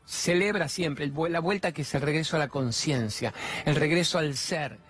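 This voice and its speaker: A man over fifty with an Argentine accent, giving a colloquial, animated spiritual talk to an audience and slipping into voices for quoted speech. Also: on the high side, moderate pace, husky. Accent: Argentine Spanish. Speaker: spiritual speaker.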